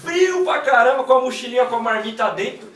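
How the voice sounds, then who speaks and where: A man with a São Paulo accent, a guest in a casual interview, telling stories in a relaxed way with many "né" fillers. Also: very high-pitched, fast talker. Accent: São Paulo Portuguese. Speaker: guest, creative director and videomaker. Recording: echoey room, distant mic, faint noise.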